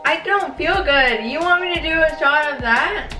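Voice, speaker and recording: A woman's voice: high voice, expressive, moderate pace. A woman chatting casually as co-host of a challenge video, with a reluctant, protesting manner. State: feeling a bit sick. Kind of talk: casual banter on camera. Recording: echoey room with music.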